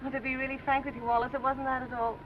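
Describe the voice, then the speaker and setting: An actress playing an excitable, evasive young woman in breathless, theatrical 1930s screwball comedy banter. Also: high-pitched, very fast, natural voice. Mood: flustered, tender. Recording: old film soundtrack, dull and noisy.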